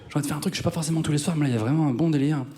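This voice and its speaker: On a theater stage, a man in his thirties performs live stand-up, chatting with the audience and poking fun at himself. His voice is on the high side and dark in tone, and he races along with guitar music in the background.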